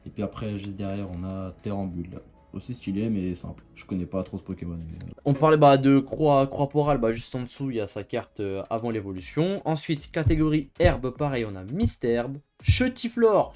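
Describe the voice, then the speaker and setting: A young man talks his way through a collection in an easy, slangy, enthusiastic way. His voice sits at an ordinary middle pitch. Faint music plays underneath. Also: a little mellow. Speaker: YouTuber. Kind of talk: casual show-and-tell. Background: faint background music.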